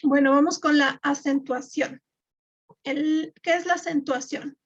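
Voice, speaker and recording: High-voiced woman teaching spelling. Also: fairly even intonation, measured pace. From Ecuador. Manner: explanatory, with fillers and repeated words. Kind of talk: live online class. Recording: dull lo-fi.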